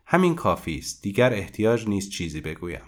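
A man reading a story aloud and voicing a calm, gentle, polite woman detective in his own near-natural voice. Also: on the low side.

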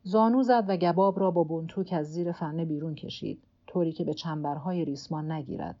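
A woman narrating a literary audiobook in a calm, measured reading. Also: deep voice, highs cut off.

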